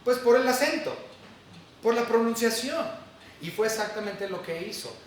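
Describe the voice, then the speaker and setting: A man's voice: extremely high pitch, lively intonation, normal speed, slight background noise. A male pastor giving a sermon in a conversational way, often asking the congregation questions. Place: church hall. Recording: echoey hall from far off.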